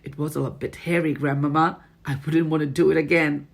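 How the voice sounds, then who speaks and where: A woman voicing an excited, plucky young boy in a storybook reading. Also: low voice, brisk, gravelly, slightly rough, full character voice. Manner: breathless, excited.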